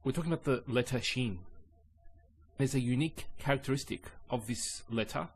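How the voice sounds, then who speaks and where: A man teaching an Arabic linguistics lesson in English, explaining calmly with measured pauses. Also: medium pitch, slightly rough.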